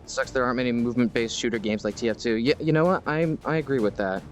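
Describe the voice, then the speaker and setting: A man hosting a gaming video in casual let's-play commentary, rambling and self-mocking, reacting aloud to the game and to chat, and breaking into high, panicked yelps when under fire. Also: fast, soft background music.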